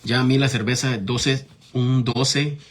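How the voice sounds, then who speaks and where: A man's voice: mid-range voice, fairly even intonation, slow, slight background noise. A middle-aged man from Nicaragua with a Nicaraguan accent, preaching a sermon and telling a personal testimony in a conversational way, often checking in with his listeners. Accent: Nicaraguan Spanish. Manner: conversational, constantly checks in with tag questions.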